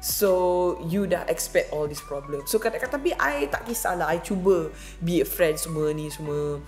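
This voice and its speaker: A married woman vlogging, telling a casual story with lively acted-out quotes and English words mixed in. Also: normal speed, faint music behind. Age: adult, married. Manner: animated, acts out quotes with big pitch jumps, mixes English in.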